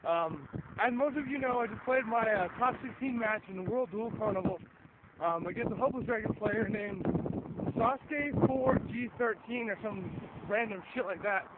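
A tired young adult vlogger with a high-pitched voice, speaking at normal speed, is losing his voice as he rambles through a casual vlog. He walks along a windy suburban road holding his phone at arm's length and talking into an earphone mic, full of fillers and casual swearing. The sound is tinny and phone-like, with wind noise.

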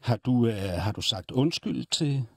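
Husky-voiced man probing like a therapist. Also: mid-range voice, animated, dry recording, studio quality. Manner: persistent, presses with follow-up questions. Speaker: host acting as therapist. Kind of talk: probing conversational questioning.

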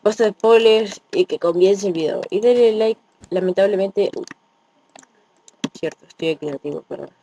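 A man's voice: high-pitched, normal speed, pauses often, dark tone, a little hiss or hum, poor audio. A man with an Argentine accent doing jittery horror game commentary, swearing a lot. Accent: Argentine Spanish. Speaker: gaming YouTuber.

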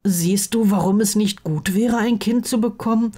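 A woman reading aloud plays a sarcastic teenage wizard boy, worried and a bit glum. Her voice stays close to her own and sounds mellow and warm in a storybook reading. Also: mid-range voice, normal speed, husky, pitched above the performer's own voice, close to an everyday voice. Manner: sarcastic, dejected. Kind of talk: audiobook reading of fan fiction.

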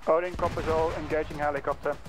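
A man's voice: on the high side, level tone, quick pace, music in the background, poor audio. A man giving terse military radio calls as a command operator, his voice coming through a radio with static bursts.

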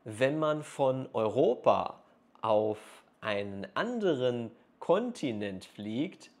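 Very slow, carefully spoken man. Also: medium pitch, a little mellow. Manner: very slow, carefully articulated phrases with pauses. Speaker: German teacher vlogger. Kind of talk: slow, clear speech for learners. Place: small room indoors. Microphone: clip-on lapel mic.

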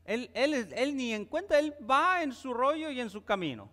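The pastor speaking here has an extremely high-pitched, bright voice, forceful in tone and lively in intonation, moving at a normal speed. He preaches conversationally, often checking in with his congregation, while the church sanctuary adds a long reverb.

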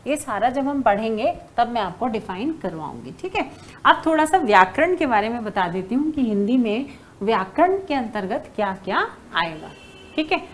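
A woman teacher giving an exam-prep lesson, talking to her students fondly as she writes on a board. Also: a little high. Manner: addresses students as "beta", writing on a board while talking. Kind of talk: online exam-prep lecture.

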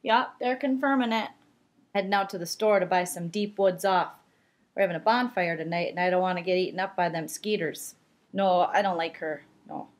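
A middle-aged woman with a Minnesota accent playing a chatty, opinionated Minnesotan in a casual comedy sketch, folksy and deadpan. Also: on the low side, a little fast, close to an everyday voice. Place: rooms at home, indoors.

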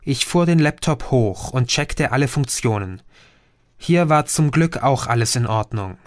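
A man reading a first-person audiobook in measured scripted narration. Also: mid-range voice, lively intonation, dry recording, clean studio sound. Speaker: audiobook reader.

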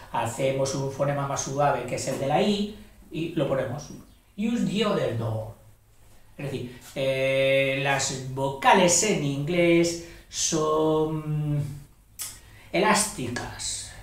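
A man from gives a slow, patient grammar lesson and often checks in with the listener. He speaks from some distance off the mic, and his voice rings in a very reverberant room. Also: mid-range voice. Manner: explanatory, self-deprecating, frequent "¿eh?" checks. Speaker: English teacher.

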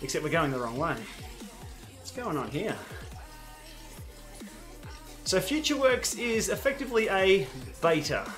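An Australian man hosting a live indoor ride, out of breath, commenting between efforts and bursting into excited shouts. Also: high-pitched, a little slow, long pauses, soft background music. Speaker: cycling channel host.

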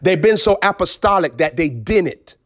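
A man preaching with emphatic swings between low intensity and raised outbursts. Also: expressive, normal speed, dry recording, studio quality. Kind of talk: preaching on a phone broadcast.

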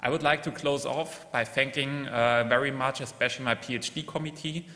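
A man in his thirties from Germany giving an earnest award acceptance speech at a lectern, steady and repeating words as he starts each point. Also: mid-range voice, fairly quick. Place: large formal hall at a lectern. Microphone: lectern microphone. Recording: long hall reverb.

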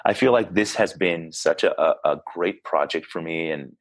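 Guesting on a podcast, a man from Israel in his thirties who coaches basketball talks in an earnest, chatty way. His low voice runs at a normal speed, full of fillers and false starts, in a relaxed interview setting.

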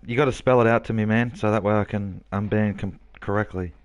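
A man's voice: lowish voice, steady tone, brisk. A man live-streaming a game, brash and trash-talking, swearing and mocking a heckler.

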